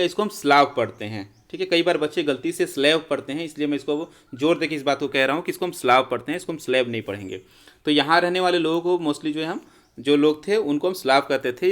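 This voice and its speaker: A male teacher, giving an explanatory history lecture and often calling his students friends. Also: on the high side. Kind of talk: classroom lecture.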